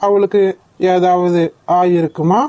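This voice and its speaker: A woman's voice: fairly low pitch, level tone, unhurried, warm tone, lightly acted. A woman voicing an anguished, agitated young man in a cartoon. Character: anguished young man, worried for his wife. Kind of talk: cartoon voice acting.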